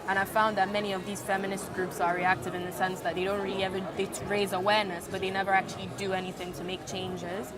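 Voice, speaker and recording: A woman's voice: mid-range voice, flat delivery, quick pace, few pauses, a loud crowd. A young woman from Nigeria, a student, answering interview questions in a hesitant way, full of fillers and restarts. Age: young adult.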